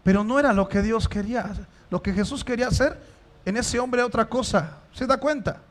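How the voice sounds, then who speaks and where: A pastor preaching a sermon in church, asking the congregation rhetorical questions and rising to emphatic stresses. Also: male voice, very high voice, brisk.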